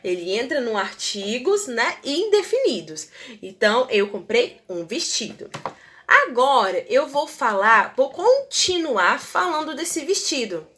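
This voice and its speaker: A woman's voice: high-pitched, sing-song, sharp tone. A woman whose first language is Portuguese, teaching English grammar and checking in with her students as she explains. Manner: slow, repeats English words for pronunciation; checks in with tag questions to students.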